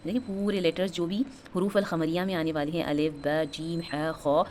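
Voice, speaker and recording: Low-voiced teacher drilling Arabic words. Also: female voice, little pitch movement, darkish tone, a little hiss or hum. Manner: repeats each term and drills example words slowly. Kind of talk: explaining lesson, mixing Hindi and English.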